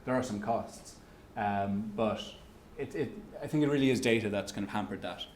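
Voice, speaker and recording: Speaking in a lowish, somewhat mellow voice, this Irish man stumbles through restarts and fillers while answering questions from the audience at an economics talk. The recording, made in an echoey lecture room, has a little background noise.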